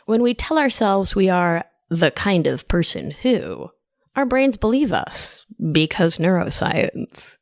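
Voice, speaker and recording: Based in New York, an Argentine-accented life coach talks through her scripted solo podcast slowly, in a fairly low voice. Her manner is lively, playful and affectionate, and she often drifts into asides. The recording is clean and echo-free, studio quality.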